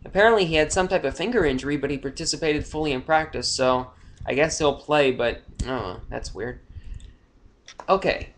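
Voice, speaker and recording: A man's voice: on the high side, normal speed, fairly bright tone, a little hiss or hum. A young man giving casual, unscripted fantasy football injury commentary, rambling with frequent fillers and self-corrections.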